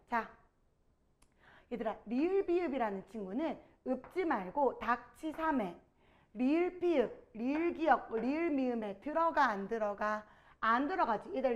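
A woman teaching a grammar lesson, quizzing her students and drawing out each example word slowly. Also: high-pitched, dull audio.

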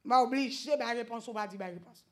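A woman with a Haitian accent preaching a fervent sermon at a church service, swinging between loud outbursts and quiet stretches, with repeated exclamations of praise. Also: a little high, brisk.

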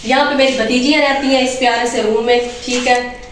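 A woman's voice: a little high, steady tone, fairly quick. Chatty Pakistani woman vlogger, roomy phone sound. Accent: Pakistani Urdu. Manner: chatty, addresses viewers as friends, points things out. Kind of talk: casual home tour vlog. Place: village house rooftop and rooms. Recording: roomy sound with clear background noise.

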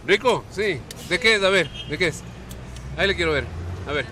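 This TV host, a man in his thirties with an Ecuadorian Spanish accent, holds a handheld mic while presenting with energy from a hotel kitchen and out on the street, where traffic hums. His voice is high and animated, at normal speed with a sharp edge. He coaxes playfully and repeats words a lot.

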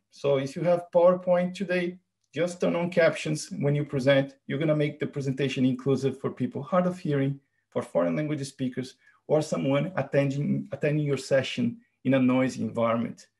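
Eager to teach, a middle-aged man who speaks Portuguese as his first language presents an earnest tech talk. He walks through it step by step, stopping on fillers, in a fairly high, slightly mellow voice.

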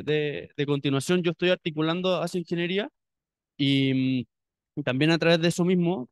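A man's voice: a little high, smooth, dry recording. A young man in his twenties with a Chilean accent, a university student talking casually to prospective students, chatty with many restarts. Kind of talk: informal talk to prospective students.

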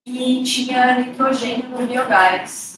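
A woman asking a hesitant question from the audience. Her somewhat high voice is far from the mic in a very echoey room, with clear background noise. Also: fairly even intonation, takes it slowly. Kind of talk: seminar question.

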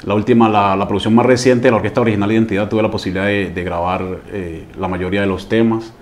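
A man's voice: lowish voice, fairly even intonation, quick pace. A man from Colombia, a salsa orchestra singer, answering interview questions hesitantly with many fillers.

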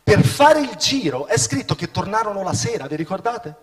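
A middle-aged man preaching a sermon in a church hall, swinging from shouts to hushed tones. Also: sits high, very animated, normal speed. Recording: long reverb of a hall.

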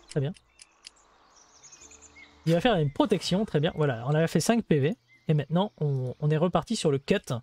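A man's voice: a little high, a little mellow. A man hosting a gameplay video, casually explaining the game in a chatty way with many hesitations and asides.

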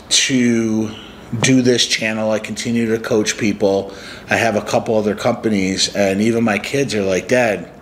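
A mid-range male voice, slightly noisy in the background, belongs to an upstate New York life coach in his forties who runs a channel. Seated on a couch close to the camera in a small room, he speaks casually with an earnest, reflective, motivational manner.

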